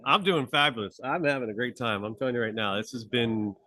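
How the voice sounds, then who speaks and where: A man's voice: mid-range voice, fairly quick, bright, forceful tone, dry recording, rough recording. A man from Pittsburgh, the conference chair, chatting in a live interview with an upbeat, enthusiastic, rambling manner. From Pittsburgh, USA. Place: conference hall table.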